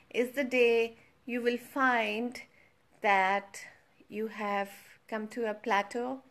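A woman giving an earnest motivational talk to her followers, stressing and slowing down on key points and slipping into Hindi phrases. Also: a little high, a bit bright. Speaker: motivational speaker.

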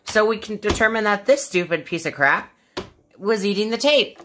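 Speaking at a normal speed, a woman with a mid-range, fairly bright and animated voice walks through a product test in a home kitchen. Her rambling vlog is informal and exasperated with occasional mild swearing, and there's a faint hiss or hum.

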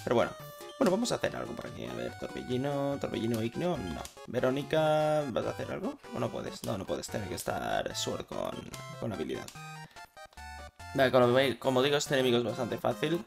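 A man's voice: medium pitch, huge pitch swings, brisk, creaky, over music. A man with a Spain Spanish accent giving casual, swearing commentary while playing a video game. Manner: swearing, chatty, talking to himself while playing. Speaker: gaming channel host.

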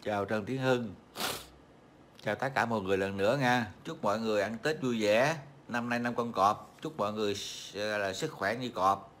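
A man's voice: fairly low pitch, normal speed, fairly bright tone, a little hiss or hum. A middle-aged man from Vietnam hosting a casual livestream chat, rambling and mocking, with many fillers and repeated words. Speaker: livestream host.

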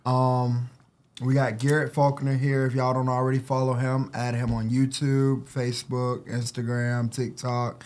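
A man co-hosting a casual food-tasting video, excitable and playful, with loud outbursts and bursts of laughter. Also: medium pitch, unhurried. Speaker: co-host of a food-tasting channel.

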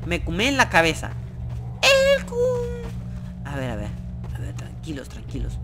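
A man giving excited gameplay commentary as a gaming YouTuber, swearing and yelping in fright. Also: fairly high pitch, measured pace. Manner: jumpy, swears, yelps and screams in fright. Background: game music.

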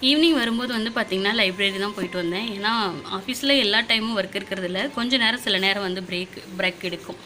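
Woman in her 30s, brisk and bright, chatty vlog voice-over with soft music underneath. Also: medium pitch. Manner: chatty, with frequent filler words. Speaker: vlogger. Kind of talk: casual vlog narration.

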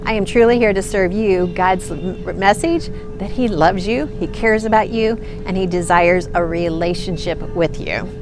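A woman's voice: on the low side, normal speed, few pauses, music in the background. A middle-aged woman hosting a nutrition video, talking earnestly and encouragingly to the camera in a grocery store aisle. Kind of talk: casual to-camera nutrition tip.

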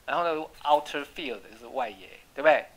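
Patient tutor spelling out English words. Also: female voice, rumbling low, lively intonation, brisk, rough recording. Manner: explains words patiently, spells out letters, drills repetition. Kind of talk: home English reading and spelling lesson.

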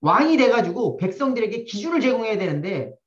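A man giving a lecture to a live audience, blunt and animated, firing rhetorical questions at the room and slipping into slang. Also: high voice, fast. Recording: roomy, distant, dull-sounding.

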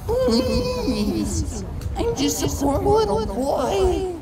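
A pitiful little boy begging in a high, thin voice, as a young man puts him on. He pleads slowly with a lot of rise and fall. A crowd is audible behind. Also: very animated, full character voice. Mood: pleading.

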